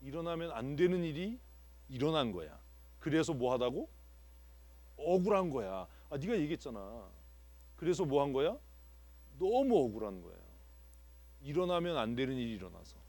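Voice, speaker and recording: Lively Korean pastor quizzing his congregation. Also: mid-range voice, normal speed, pauses often. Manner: asks the congregation questions and repeats answers. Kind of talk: interactive Bible teaching. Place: church sanctuary.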